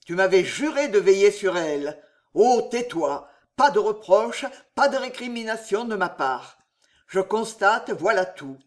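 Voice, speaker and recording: A man's voice: high-pitched, lively intonation, unhurried. A man voicing a tormented noble elder brother. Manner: commanding, tormented. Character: anguished young noble elder brother, demanding.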